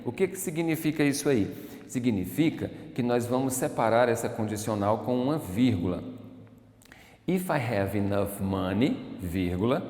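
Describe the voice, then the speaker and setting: A Brazilian man teaching an English lesson, taking his time and stretching out each example sentence. He talks at an unhurried pace. His voice rings in a roomy space with a long reverb tail. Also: mid-range voice, a little mellow. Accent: Brazilian Portuguese. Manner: slow, deliberate explaining, drawing out example sentences. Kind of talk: recorded online lesson.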